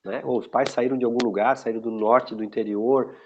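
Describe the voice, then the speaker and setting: Speaking fairly quickly in a steady, mid-range voice, a man from São Paulo, Brazil, talks with a São Paulo Portuguese accent. He is a logistics specialist appearing as a guest in an informal online interview, meandering and restarting a lot. The muffled, lo-fi recording carries a little hiss or hum.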